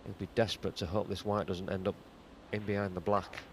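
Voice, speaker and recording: A man giving hushed live snooker commentary in an understated, conversational and analytical way. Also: deep voice, flat delivery, fairly quick, slight background noise.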